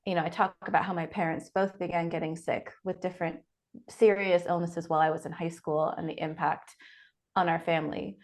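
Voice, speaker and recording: Her voice is lowish and a little mellow, with little pitch movement and a brisk delivery. She's in her forties, from the Pacific Northwest, and appears as an author guest, reflecting on interview questions while thinking aloud and restarting.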